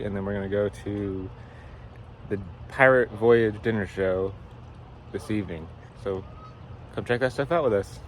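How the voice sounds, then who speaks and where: Guy doing a casual family vlog outside, lowish voice, bit of background noise. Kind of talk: casual vlog narration to camera. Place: outdoors behind a hotel in the morning. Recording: faint outdoor background noise.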